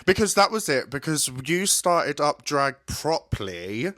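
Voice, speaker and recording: A young man hosts a drag podcast, talking in camp, animated bursts. His voice is bright and pushed forward. The sound is dry and close to the mic. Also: on the high side, a little slow, no echo. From Southend, Essex. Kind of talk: casual chat.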